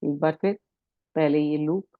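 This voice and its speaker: A woman instructor teaching a spiritual symbol course, explaining in Hindi mixed with English and reading English passages slowly. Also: sits low, steady tone, no room sound, narrow, tinny audio.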